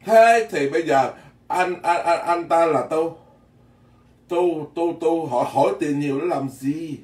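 In a temple hall in Virginia, a Buddhist monk gives a blunt, folksy dharma talk, often repeating words as he goes. His voice is a little high and darkish, a little slow, recorded from a distance in an echoey hall.

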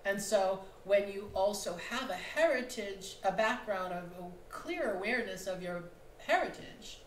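A woman's voice: mid-range voice, animated, a little slow. A woman, the playwright, speaking at a post-show panel on a theater stage in a thoughtful, emphatic way, often asking "right?". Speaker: playwright and producer. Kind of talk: panel discussion. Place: small theater stage, indoors. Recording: roomy hall, faint noise.

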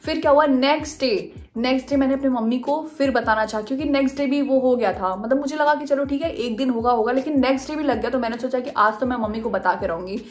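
A woman's voice: sits high, fast, few pauses. Chatty young woman telling a story. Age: young adult. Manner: chatty, animated, mixing Hindi and English. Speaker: vlogger. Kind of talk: casual storytime.

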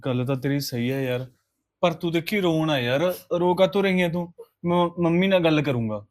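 A man acting a young husband in a short drama film, calming his crying wife with repeated reassurances. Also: a little high, normal speed, close to an everyday voice. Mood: placating. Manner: placating, coaxing, repeats reassurances. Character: young husband, soothing and placating.

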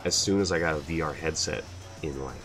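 Very deep-voiced young man, rambling chat. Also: fairly quick, music in the background. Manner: rambling, many fillers, laughs at himself. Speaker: channel host answering viewer questions. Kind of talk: casual Q&A chat.

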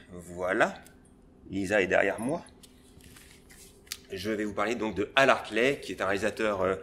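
A man presenting a favourite film director in a library video, enthusiastic and pausing often on fillers. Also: lowish voice, fairly bright tone, slight background noise. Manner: enthusiastic, hesitant with many fillers. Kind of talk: casual film recommendation. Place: library, indoors.

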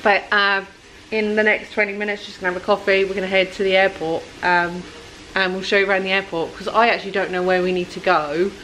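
A woman's voice: medium pitch, level tone, fast talker, a bit bright, low-quality recording. A young woman chatting through a casual travel vlog on a handheld phone, full of ums as she goes, in a hotel buffet and then an airport terminal. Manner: chatty, hesitant with frequent ums. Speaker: travel vlogger. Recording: clear background noise.

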